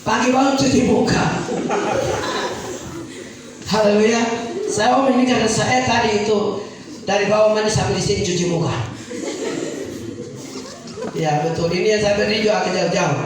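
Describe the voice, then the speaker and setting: A man preaching a sermon in a church, animated, calling for amens and bursting into shouts. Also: sits high, normal speed, long pauses. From Indonesia. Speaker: evangelist preacher. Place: church hall with congregation. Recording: very echoey hall, from far off, faint noise.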